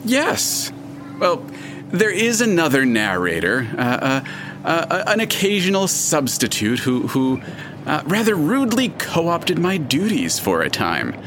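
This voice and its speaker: A man's voice: a little high, wildly swooping pitch, measured pace, background noise. A man playing a wry, theatrical narrator character who speaks in an arch, pompous manner in an audio drama. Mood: arch, lofty.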